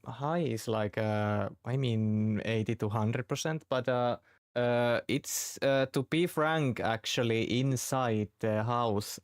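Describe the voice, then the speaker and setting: A man from Finland chatting casually, halting often as he searches for words. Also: medium pitch, vocal fry, no echo, studio quality. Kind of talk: casual chat.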